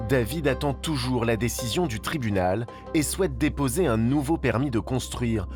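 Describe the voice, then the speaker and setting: A man reading scripted narration for a report in a steady, measured way. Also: medium pitch, soft background music. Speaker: documentary narrator.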